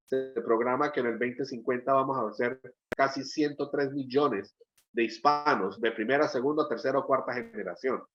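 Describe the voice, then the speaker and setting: Middle-aged man presenting a webinar. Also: mid-range voice. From Colombia. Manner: explanatory, keeps checking with "¿sí?"; repeats words while searching for them. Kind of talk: export training webinar. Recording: dull lo-fi webinar audio.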